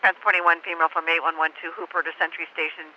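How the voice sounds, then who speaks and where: A man's voice: on the high side, little pitch movement, rapid-fire, muffled recording, background noise. A man working as a police dispatcher, heard over police scanner radio, giving terse clipped code calls.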